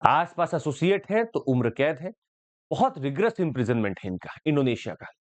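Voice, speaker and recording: A current affairs teacher with an Indian accent analyzes the daily news for exam students, mixing Hindi and English and repeating key points. His voice is on the high side, very animated, at a moderate pace.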